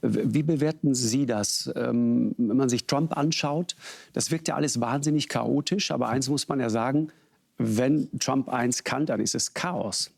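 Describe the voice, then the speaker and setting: A man hosting a political talk show in a television studio, introducing guests and asking questions in a measured way with occasional hesitations. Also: medium pitch, gravelly, darkish tone.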